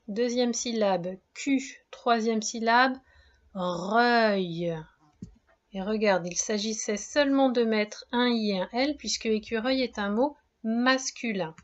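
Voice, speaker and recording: Woman, teacher, spelling dictation for young kids, very slow, syllable by syllable, dull lo-fi sound. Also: fairly high pitch. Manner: encouraging.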